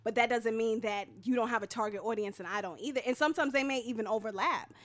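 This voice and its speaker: A woman guest author in casual interview talk, animated, often saying "you know what I mean". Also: a little high, fast.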